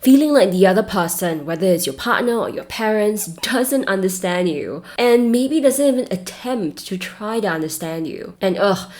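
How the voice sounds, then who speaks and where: A woman's voice: mid-range voice, lively intonation, moderate pace, hardly any pauses, darkish tone. A woman with a Singaporean accent giving a scripted advice talk, addressing the listener directly and with emphasis. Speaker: relationship advice host.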